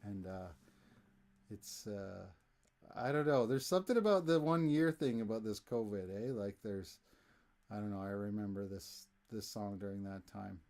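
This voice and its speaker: A man's voice: on the low side, moderate pace, a little mellow. A man hosting a music live stream, chatting casually between songs in an easygoing, rambling way with self-deprecating jokes. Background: acoustic guitar.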